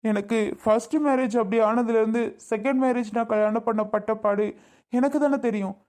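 A woman's voice: on the high side, steady tone, moderate pace, warm tone, close to an everyday voice. A woman playing a young married man torn between his wife and his sister, who pleads and then accuses in an amateur family drama skit. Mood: bitter.

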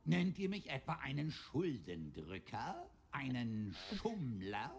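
An actor playing a whimsical, gleefully cruel mad god in a video game, theatrical and erratic. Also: male voice, medium pitch, huge pitch swings, slow, creaky, crowd noise, heavily acted. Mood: theatrical, playful menace. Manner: theatrical, erratic, wildly swooping delivery. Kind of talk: video game character acting.

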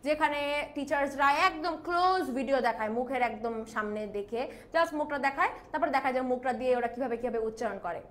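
A young woman, teaching pronunciation in a live online class, mixing Bengali with English and slowly drilling each word. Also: high voice.

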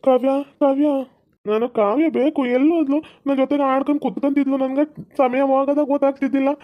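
A woman's voice: high-pitched, fairly even intonation, fast talker, phone-quality sound, close to an everyday voice. A woman playing a distraught young village man who has lost his cat, whiny and tearful. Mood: frantic searching.

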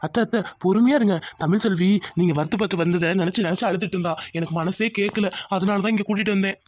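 A woman's voice: mid-range voice, quick pace, a little mellow, slight background noise, lightly acted. A woman voicing an insistent young village husband in a cartoon. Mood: respectful. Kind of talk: cartoon voice acting.

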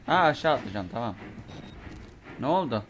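A young man giving let's play commentary on a horror game, talking to himself and cursing in bursts, his voice going hoarse from a sore throat. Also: medium pitch, lively intonation, moderate pace, noisy background. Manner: mutters to himself, curses and reacts in bursts. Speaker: gamer playing a horror game.

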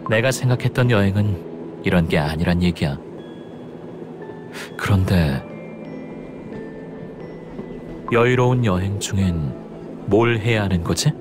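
An actor playing a calm, aloof young male space traveler with a cool, deadpan delivery in a game story. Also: low-pitched, normal speed, pauses often. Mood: deadpan, weary. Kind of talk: scripted game story dialogue. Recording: music behind the voice.

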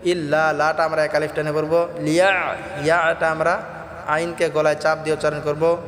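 A man's voice: a little high, level tone, normal speed, fairly bright tone, echoey room, in a large hall, slight background noise. A man teaching Quran pronunciation, patiently explaining each sound step by step.

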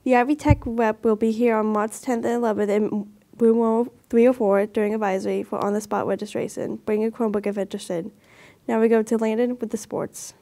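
A woman's voice: fairly high pitch, steady tone, fairly quick, gravelly, dark tone. A teenage girl anchoring scripted school announcements. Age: teens. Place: school TV studio.

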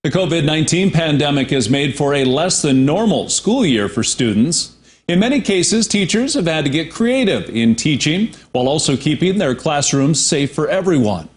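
A male news anchor reading scripted local news in a steady, measured way. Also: a little high.

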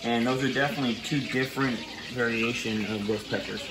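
A man co-hosting a casual pepper-eating vlog, explaining in a halting, rambling way. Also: medium pitch, steady tone. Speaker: co-host of a pepper eating channel. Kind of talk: casual chat. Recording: echoey room, faint noise.

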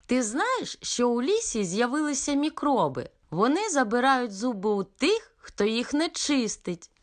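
A woman voicing a gentle, patient mother tigress in a children's storybook. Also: fairly high pitch, big pitch swings, measured pace, pitched above the performer's own voice. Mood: stern. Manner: tender, patient.

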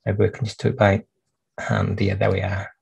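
A man's voice: fairly low pitch, monotone, moderate pace, creaky, darkish tone, breathy edge, poor audio. A man hosting a clock repair livestream from his workshop bench, chatting through the work with dry jokes and lots of hesitations.

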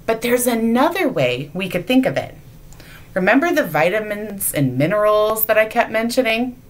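With a sing-song, medium-pitched voice at normal speed, a woman gives a lighthearted object lesson to children in a church sanctuary. As the children's sermon leader, she teases her young audience and keeps asking them questions.

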